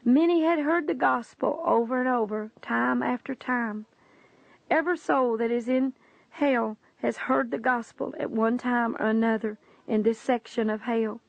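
Woman, reading a religious book aloud, earnest, preachy, raspy fry, dry close sound. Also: a little high, fairly even intonation, measured pace, dry recording. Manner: earnest, preachy, addresses the listener as "my friend". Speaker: reader of a religious testimony. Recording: dull, dry lo-fi recording.

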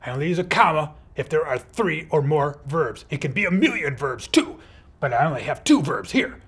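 A man's voice: fairly high pitch, expressive, moderate pace, fairly bright tone, breathy edge. A man teaching kids grammar in a playful, upbeat superhero persona. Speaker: teacher playing a comma superhero. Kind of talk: educational video for kids.

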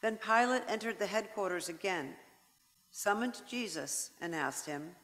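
Scripture narrator, steady reading, long church reverb. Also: mid-range voice, measured pace, a little hiss or hum. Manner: steady, even reading aloud. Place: large church.

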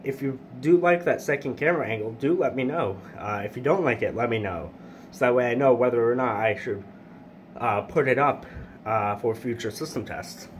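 Male hobby video host, medium pitch, casual chat, indoor handheld camera sound with slight noise. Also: moderate pace. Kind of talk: casual chat, demonstrating equipment. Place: indoors, beside plywood test board.

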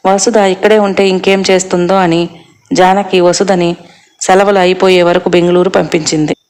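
A steady storyteller narrating a scripted tale. The voice sits in a middling register and stays very flat, with the pitch barely moving from line to line. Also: normal speed.

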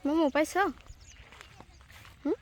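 A woman chatting casually in a vlog, calling out lively, bossy instructions to children. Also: takes it slowly, slight background noise. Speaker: vlogger. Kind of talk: casual outdoor vlog chat. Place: outdoors, dry rural field.

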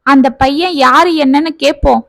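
A woman's voice: high voice, normal speed, gravelly, a bit bright, no echo. Anxious, pleading middle-aged father, read by a woman narrator; family storybook voice, dry close recording. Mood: distraught. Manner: pleading, worried.

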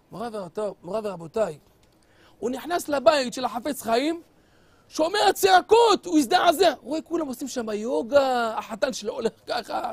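A man preaching with animated, theatrical storytelling and addressing his audience directly. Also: very high-pitched, creaky, breathy edge, no echo. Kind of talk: storytelling sermon.

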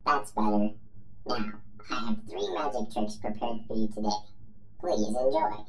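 A man's voice: on the low side, monotone, measured pace, a bit bright. A man voicing a cheerful male robot magician who presents tricks with upbeat showman patter. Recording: roomy echo with faint music.

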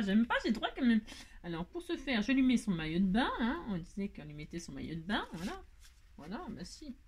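A woman's voice: mid-range voice, a little hiss or hum. A French woman hosting a crafting tutorial, talking to herself as she works, with exasperated sighs and small laughs. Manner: muttering, self-talking, exasperated asides and little laughs. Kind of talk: chatty hands-on crafting tutorial.

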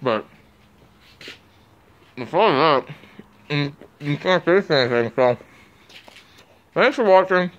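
A man's voice: a little high, expressive, slow, long pauses, a bit bright, dull audio. A man talking while chewing during a casual food review, blunt and exclaiming at the taste.

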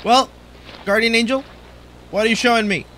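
Young male gaming host, bright, jokey let's-play commentary, faint background noise. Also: very high voice, fairly even intonation, moderate pace, low-quality recording. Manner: goofy, jokey running commentary.

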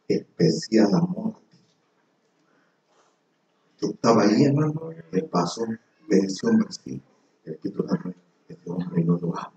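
A male pastor preaching a sermon in an animated way, calling his listeners "brother" again and again. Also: medium pitch, creaky. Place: church service before a congregation. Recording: echoey church hall, mic far off, dull lo-fi sound, congregation audible.

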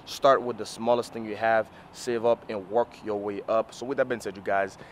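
A man's voice: lowish voice, flat delivery, normal speed, slight background noise. A man in his thirties giving a casual instructional vlog, repeating himself as he explains things straight to the viewers, speaking into a camera outdoors. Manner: repetitive, explanatory, addresses viewers directly as "you guys". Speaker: mobile car detailer and video host. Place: outdoors on an open rooftop parking lot beside a van. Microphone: camera mic, mostly handheld at arm's length.

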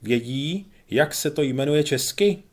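A man voicing a fat, pompous, tearful town guard commander whose voice trembles, talking higher and louder than his own narration and dropping German words into his speech. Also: lively intonation. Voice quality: voice trembles and twangs.

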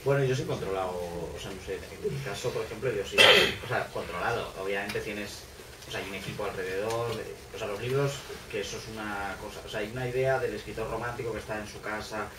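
A man in his thirties talks casually at an author panel, chatty and full of restarts. His voice sits on the low side. The sound is distant and roomy, with a noisy café behind him. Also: steady tone, fast talker. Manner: chatty, many fillers and restarts. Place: small bookshop café, indoors. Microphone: far camera.

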